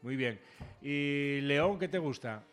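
A man hosts a relaxed local radio chat, his voice sitting a bit high for a man. He teases his guest and keeps up a stream of quick follow-up questions, with faint music running underneath. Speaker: radio host. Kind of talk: casual radio interview.

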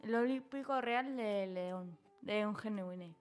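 A woman's voice: mid-range voice, takes it slowly, faint music behind. A woman in her twenties from Spain, a guest on a casual radio interview, answering in short, hesitant replies. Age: 20s.

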